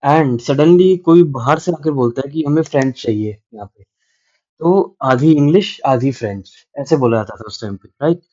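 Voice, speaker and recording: Man teaching literature, dark dull sound. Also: medium pitch, moderate pace. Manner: explains patiently, checking in with 'right?'. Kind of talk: Hindi-English lecture.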